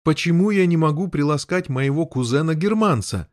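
A noble lady pleads and snaps in a shrill, raised voice, as a man puts her on. The pitch sits well above his own. It is heard dry and close. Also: expressive, brisk, no room sound, close to an everyday voice. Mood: pleading. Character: frightened wailing noble lady, shrill and quarrelsome.

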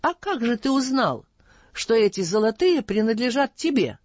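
A commanding older caliph, voiced by the audiobook reader, who interrogates with stern authority. The voice moves lively up and down as he presses his questions. The recording is dry and somewhat muffled. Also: medium pitch, normal speed, no echo, voice pushed up. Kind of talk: audiobook reading.

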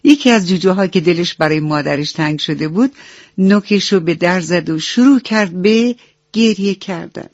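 A woman's voice: fairly low pitch, no room sound. A woman reading a children's bedtime story aloud in an affectionate, storytelling manner. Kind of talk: scripted children's narration. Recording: dull lo-fi radio recording with soft music.

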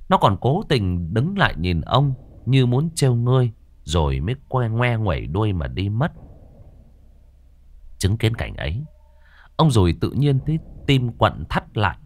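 A man narrating a ghost story in a dramatic, expressive storytelling manner. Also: lowish voice, measured pace.

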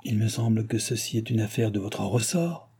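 A man's voice: lowish voice, expressive, moderate pace, dark tone, slightly rough. A man voicing an aging French king who talks in an ironic, offhand way.

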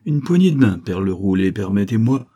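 Un homme qui interprète un patron d'atelier autoritaire, mais ici cordial et chaleureux, dans un livre audio. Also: male voice, lowish voice, big pitch swings, a little fast, warm tone. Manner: hearty, jovial. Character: male boss, authoritarian yet cordial.

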